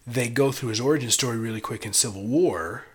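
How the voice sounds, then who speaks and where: A man's voice: medium pitch, brisk, husky. Male co-host, casual and eager, tends to ramble and over-explain. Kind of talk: casual chat.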